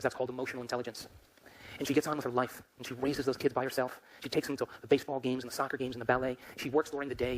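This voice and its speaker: Male motivational speaker, mid-pitched, talks very fast, keeps quizzing the crowd. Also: a little hiss or hum, poor audio. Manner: rapid, emphatic, quizzes the audience with questions. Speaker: lecturer. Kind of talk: motivational lecture to a live audience.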